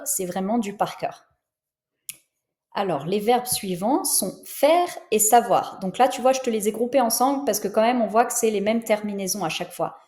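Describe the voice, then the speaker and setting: A woman teaching a French grammar lesson, explaining patiently and modeling each word slowly. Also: medium pitch, warm tone, reverberant. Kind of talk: slow, clear grammar lesson.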